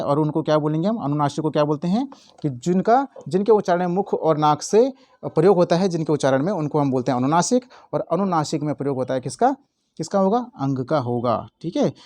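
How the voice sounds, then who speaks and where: A man's voice: on the high side, a little mellow, dry recording. A young man teaching as an exam-prep tutor, walking through quiz answers and checking in often. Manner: repetitive, checks in often with "theek hai".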